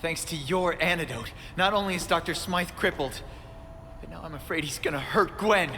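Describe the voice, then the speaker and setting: An actor playing an impulsive, wisecracking young American superhero who is earnest and stubborn, in an urgent, emphatic manner for a video game. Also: male voice, on the high side, moderate pace, slight background noise. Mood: angry, accusing. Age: young adult. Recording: loud music over the voice.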